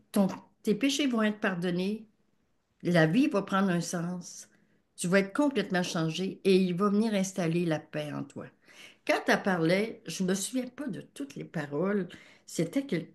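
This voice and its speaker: An older woman with a Quebec French accent giving a personal faith testimony, telling her story in a lively way and acting out the dialogue. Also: lowish voice.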